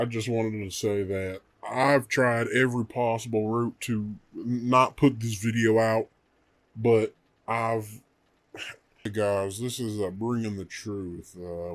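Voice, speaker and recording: A man talks to his viewers through a disguised deep voice. His altered tone sits low, and he stumbles and restarts as he speaks. The recording is dry and close, with no room sound around it. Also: fairly even intonation, slow pace, dry recording. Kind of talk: online video address.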